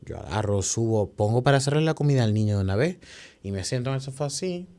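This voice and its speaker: A man's voice: mid-range voice, lively intonation, quick pace, warm tone. A young man from Venezuela with a Venezuelan Spanish accent, a podcast guest telling a personal story emotionally, with many restarts and asides.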